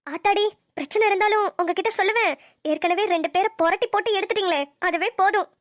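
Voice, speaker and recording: A woman's voice: very high voice, quick pace, no room sound, studio quality. A woman voicing a cheeky young female college student in a cartoon, teasing and playful in her banter. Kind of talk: cartoon voice acting.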